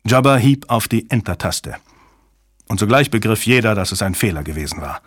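A man reading a thriller audiobook in a steady, measured narrating voice. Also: fairly low pitch, husky, no echo, clean studio sound. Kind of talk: scripted narration.

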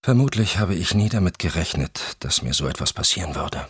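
A man's voice: low-pitched, lively intonation, a little fast, husky, no room sound, clean studio sound, pitched above the performer's own voice, heavily acted. A man voicing a disillusioned young wife in an audiobook, speaking in a raised, plaintive tone. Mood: wounded.

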